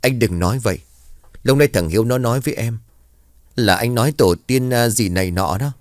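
A man's voice: medium pitch, fairly quick, no echo, clean studio sound, lightly acted. A man voicing a worried young mother, speaking in a raised, pleading tone.

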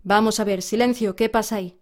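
A woman's voice: mid-range voice, brisk, mellow, lightly acted. A woman reading aloud voices a stern male schoolteacher who scolds in clipped, severe lines.

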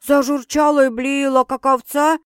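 A woman's voice: high voice, little pitch movement, normal speed, no room sound, clean studio sound, voice pushed up, lightly acted. A woman reading an audiobook voices Sveta, a brash young woman who teases her sister with bawdy, mocking jokes. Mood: teasing.

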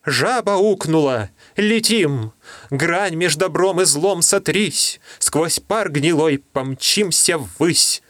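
A tiny, melodramatic storybook creature who gasps out tragic verse in a shrill, piercing voice. A man puts him on while reading aloud. The sound is close and dry. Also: moderate pace, fairly bright tone, no echo. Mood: ecstatic. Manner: breathless, theatrical declaiming. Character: small frantic creature, melodramatic verse-spouter.

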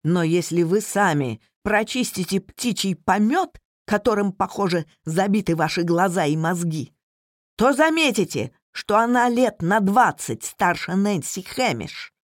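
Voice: mid-range voice, expressive, a little slow, dry recording, clean studio sound, lightly acted. A reader doing an impatient, scornful constable. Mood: exasperated. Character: exasperated short, sweaty constable.

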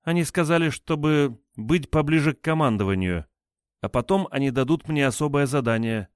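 A man's voice: fairly high pitch, expressive, normal speed, clear, resonant tone, no echo, studio quality, pitched above the performer's own voice, natural voice. A man voicing a frightened young woman under interrogation, speaking in a hesitant, flustered, pleading way.

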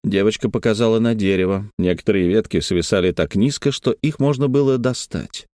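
A man reading an adventure novel aloud as an audiobook narrator, steady and measured. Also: lowish voice, no echo, clean studio sound. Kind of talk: scripted narration.

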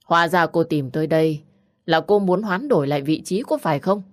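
An angry young man who sneers and barks his lines, read by a woman narrator. The voice sits low and close and dry. It is an audiobook character. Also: brisk, no echo, natural voice. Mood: scornful. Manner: harsh, mocking. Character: hot-tempered, sneering young man, a jilted husband.

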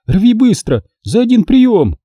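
Male narrator playing a bossy, furious young woman, sharp barked orders, raised pitch. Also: huge pitch swings, unhurried, breathy edge, dry recording, studio quality, full character voice. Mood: scolding. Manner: sharp, scolding, commanding.

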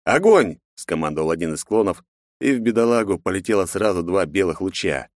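A man narrating an audiobook in a measured, expressive way. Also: low voice, dry recording, studio quality.

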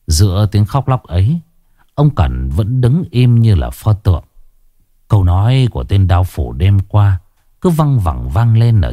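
A man's voice: low-pitched, warm tone, no room sound, clean studio sound. A man telling a horror story in dramatic, suspenseful scripted narration.

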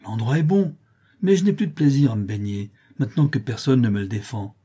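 A man's voice: mid-range voice, lively intonation, brisk, dark tone, husky. A man reading a storybook, voicing a homesick young boy who whines and sulks. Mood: whiny. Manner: whining, sulky.

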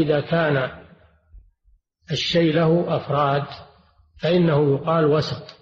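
A man's voice: fairly high pitch, a little hiss or hum. Older man lecturing, roomy dull recording. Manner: measured, repeats and rephrases points. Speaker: religious scholar. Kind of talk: classroom lecture explaining religious texts.

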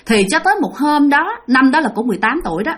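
A woman's voice: high voice, fast. A woman telling a ghost story, speaking directly to her listeners. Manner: animated, addresses listeners directly.

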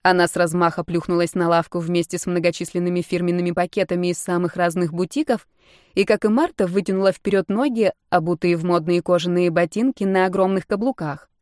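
A woman narrating an audiobook in an even storytelling manner. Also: lowish voice, brisk, dry recording, clean studio sound. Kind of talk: scripted narration.

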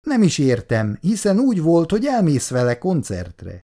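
Reader putting on a middle-aged dad, genial, chatty, lively mellow voice, storybook. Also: male voice, fairly high pitch, pitched above the performer's own voice.

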